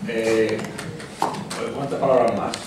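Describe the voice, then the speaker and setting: A man moderating a talk in a university lecture hall, briskly organizing the next questions. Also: on the low side, very noisy. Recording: echoey hall from far off, crowd behind.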